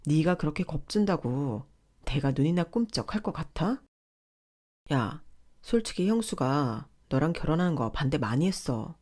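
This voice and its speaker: Woman doing a gruff bossy young husband, low and sneering, radio drama. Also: lively intonation, moderate pace, darkish tone. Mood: contemptuous. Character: arrogant young husband, dismissive and controlling.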